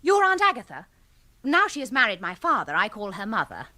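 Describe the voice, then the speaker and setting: A woman's voice: fairly high pitch, huge pitch swings, brisk, pushed and bright, heavily acted. An actress playing a self-assured, romantic young upper-class English lady in a comic radio drama, earnest, gushing and commanding.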